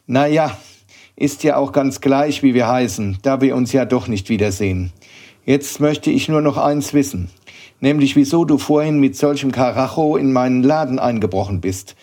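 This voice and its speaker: A grumpy old bookseller in a storybook reading, growling and scolding in a raised, gruff voice, as a male narrator puts him on. He questions and needles, brusque and unimpressed. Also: mid-range voice, moderate pace, warm tone, pitched above the performer's own voice, natural voice. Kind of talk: audiobook reading.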